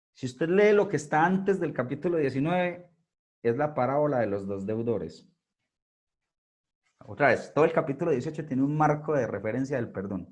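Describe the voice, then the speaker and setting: A man's voice: a little high, darkish tone. A man teaching an online Bible class from home in a conversational way, often checking in with his listeners. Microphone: video call.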